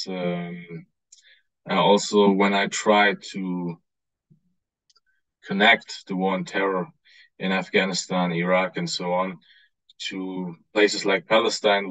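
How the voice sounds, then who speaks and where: A man in his thirties from Austria speaking as a panelist on a video call, earnest and halting with many fillers. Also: low-pitched, a bit bright, dry recording, low-quality recording. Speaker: panelist, author. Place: home room indoors.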